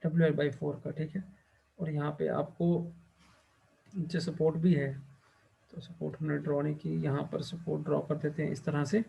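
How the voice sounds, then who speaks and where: A male teacher lecturing a class, who keeps asking the students questions and fills his pauses with the same short check-in phrase. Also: a little high, level tone, vocal fry, mellow, muffled recording, slight background noise. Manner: quizzes students and fills pauses with "theek hai".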